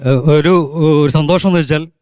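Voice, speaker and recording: A man's voice: fairly high pitch, moderate pace, mellow, smooth. A man, a mimicry artist guest, telling earnest anecdotes with fillers on a stage show. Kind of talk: casual chat on a stage show.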